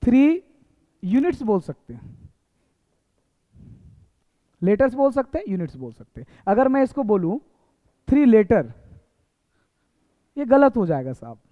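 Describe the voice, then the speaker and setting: A man's voice: high voice, big pitch swings, a little slow, long pauses. A man teaching a basic English lesson, repeating points and asking rhetorical questions. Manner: repetitive, quizzing with rhetorical questions. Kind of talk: classroom lesson. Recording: echoey hall, tinny phone-like sound.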